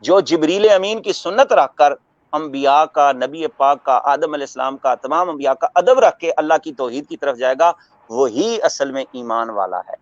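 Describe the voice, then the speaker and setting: A man giving a religious talk as a scholar, preaching in a measured way, quoting Arabic verses and explaining them with everyday examples. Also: on the high side, dry recording. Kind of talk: religious talk on a radio broadcast. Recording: muffled radio broadcast audio.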